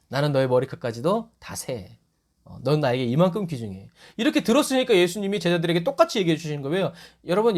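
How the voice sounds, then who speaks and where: High lively guy preaching a sermon, pitch all over the place, keeps asking the crowd questions. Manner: asks the congregation questions and answers them himself; acts out quoted voices with sudden rises in pitch. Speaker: pastor.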